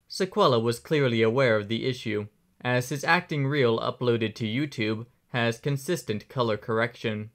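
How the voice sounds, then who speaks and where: Man narrating a documentary essay. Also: medium pitch. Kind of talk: scripted narration.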